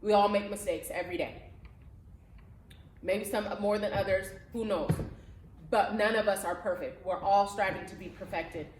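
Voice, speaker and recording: A woman's voice: mid-range voice, steady tone, normal speed, a little hiss or hum. Woman preaching conversationally in an echoey room. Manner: earnest, plain-spoken, encouraging, speaking to listeners directly. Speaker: youth pastor preaching. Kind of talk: conversational youth sermon.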